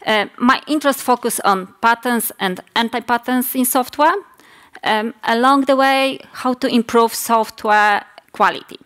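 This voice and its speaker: A native Polish speaker in her forties, with a Polish accent, gives a technical conference talk from a hall stage into a lectern mic. Her voice is a little high and fairly bright, and she speaks in a measured way, often pausing, hesitating, and correcting herself.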